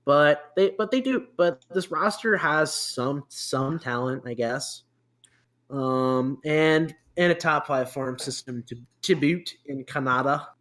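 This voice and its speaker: A man's voice: on the high side, takes it slowly, a bit bright. A man hosting a casual sports podcast, rambling through a list with many restarts, fillers and self-deprecating asides. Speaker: podcast host.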